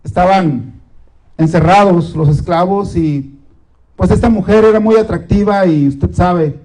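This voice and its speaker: A male pastor with a notably high voice, preaching a sermon. He builds with dramatic pauses and repeated phrases. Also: a little mellow, rough recording.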